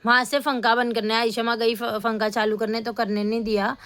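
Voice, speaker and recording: A woman's voice: fairly high pitch, flat delivery, a little fast, a bit bright, dry recording. A woman who is a mother, chatting casually to her phone camera in her home kitchen, teasing her son and talking through her chores. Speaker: vlogger, mother. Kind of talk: casual home vlog narration. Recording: noisy home recording.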